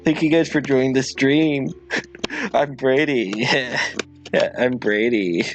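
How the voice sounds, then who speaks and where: A man's voice: medium pitch, takes it slowly, muffled recording, faint music behind, natural voice. A man voicing an impression of his cheerful young co-host on a livestream, repeating eager greetings. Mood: eager, goofy. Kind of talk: mock impersonation on a livestream.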